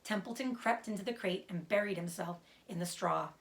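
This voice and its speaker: A woman with a mid-range voice reads a children's book aloud at a moderate pace, telling the story expressively.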